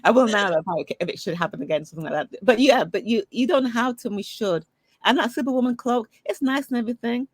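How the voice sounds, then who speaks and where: A middle-aged woman, an interview guest, telling personal stories in a lively, conversational way and acting out the voices of people she quotes. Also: fairly high pitch, quick pace, dry recording. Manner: animated storyteller who acts out dialogue. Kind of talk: conversational storytelling.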